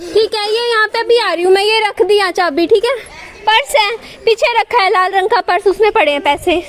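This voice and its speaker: A young mother gently coaxes and soothes her crying child, repeating short phrases, in a casual home vlog. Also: very high-pitched, normal speed. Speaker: mother and vlogger.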